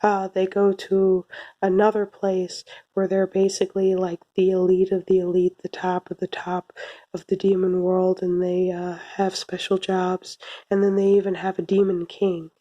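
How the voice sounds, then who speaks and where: A young woman with a soft, slightly cracking voice as she recovers from illness, giving a casual, laid-back review to camera in a small room. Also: lowish voice, monotone, moderate pace, dull audio. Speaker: video reviewer. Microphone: phone or webcam at arm's length.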